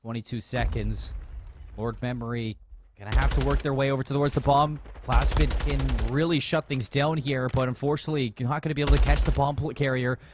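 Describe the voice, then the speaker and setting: A man doing excitable live play-by-play as an esports caster, swinging between low remarks and loud calls, with game noise behind him. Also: a little fast. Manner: excitable, swings from low murmur to shouts at big plays.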